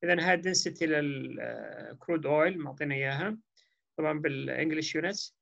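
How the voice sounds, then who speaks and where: A man's voice: fairly high pitch, quick pace, creaky, fairly bright tone, lo-fi sound. A male lecturer with a Levantine Arabic accent, explaining patiently and checking in with his class, his online call audio choppy and cutting out. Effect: choppy online call audio that keeps cutting out. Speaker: university lecturer.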